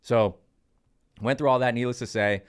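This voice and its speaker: A man in his thirties telling stories from his career on a podcast, chatty and lively, with plenty of fillers. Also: mid-range voice, moderate pace, smooth. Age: 30s. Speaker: podcast co-host. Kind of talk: casual storytelling in podcast chat.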